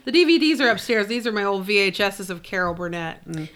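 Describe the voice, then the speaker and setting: A woman's voice: medium pitch, animated, fast, a bit bright. A middle-aged woman, a comedian and mom, telling stories in casual chat with lots of laughter. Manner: chatty, laughing storyteller.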